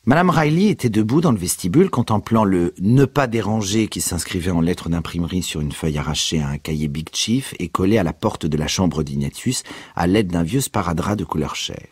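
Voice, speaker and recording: A man giving an expressive, ironic literary reading aloud. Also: deep voice, fairly quick, slightly rough, no room sound. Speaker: reader.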